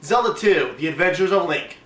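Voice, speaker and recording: A man's voice: high voice, animated, fairly quick, a bit bright. A man hosting a scripted comedic video game review, talking to his audience. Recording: echoey room, distant microphone.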